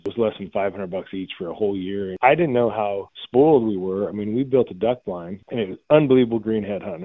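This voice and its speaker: A man's voice: on the low side, no room sound. A man telling personal stories in a casual, conversational way, as an interview guest. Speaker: interviewee, bird hunter. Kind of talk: casual storytelling. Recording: narrow tinny phone-like line.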